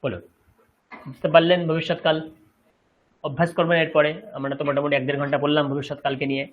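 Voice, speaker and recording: A man's voice: on the high side, steady tone, fast talker. A man from West Bengal with a Bengali accent, teaching a Sanskrit class and patiently checking that his students follow. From West Bengal, India. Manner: patient, explanatory, checks understanding. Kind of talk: online class lecture. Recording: dull lo-fi audio.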